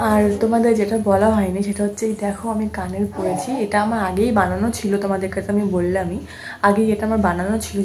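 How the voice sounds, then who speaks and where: A young mother chats with her viewers in a loose vlog style. She talks fast and rambles, often stopping to restart a sentence. Her voice sits at an ordinary pitch for a woman. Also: noisy background. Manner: rambling, chatty, with many restarts and fillers. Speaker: mother and lifestyle vlogger. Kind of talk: casual chatty vlog talk to viewers.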